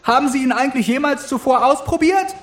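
A man voicing a spirited young woman companion in an audiobook, high and urgent. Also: brisk. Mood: frantic.

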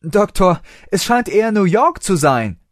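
Guy doing a teasing adventurous young woman, pitched way up, lively. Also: slow pace, dry recording, studio quality, full character voice. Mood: insistent. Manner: teasing and insistent.

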